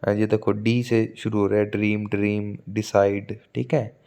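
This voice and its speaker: A man's voice: on the low side, flat delivery, mellow. Indian male teacher explaining exam material. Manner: explains in Hindi, reads English examples slowly and carefully; keeps checking in with listeners. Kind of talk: exam-prep lecture mixing Hindi and English.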